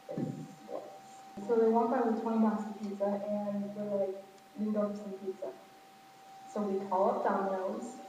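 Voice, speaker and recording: A young woman talks in a casual, rambling student vlog, acting out bits of conversation as she goes. Her mellow voice rings with a big hall echo and sits away from the microphone. The sound is a little dull, with a faint hum. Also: mid-range voice, far from the mic. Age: young adult. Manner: rambling, animated retelling with quoted dialogue. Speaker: college student vlogger. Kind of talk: casual chatty video diary. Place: echoey indoor space in a college dorm, with passers-by.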